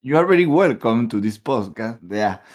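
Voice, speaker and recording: A man's voice: mid-range voice, expressive, measured pace. A man with a Rioplatense accent, co-hosting a podcast with teasing, profane banter. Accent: Rioplatense Spanish. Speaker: podcast co-host. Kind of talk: casual chat.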